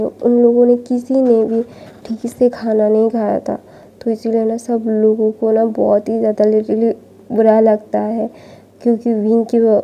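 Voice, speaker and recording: Woman retelling a fan story, dark mellow tone. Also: a little high, vocal fry. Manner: rambling, filler-heavy. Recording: dull lo-fi recording.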